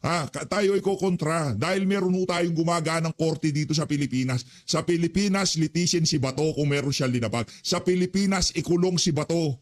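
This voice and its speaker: A man's voice: a little high, a little fast, hardly any pauses. A man ranting angrily as a news commentator, scolding and cursing. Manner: angry, scolding, curses.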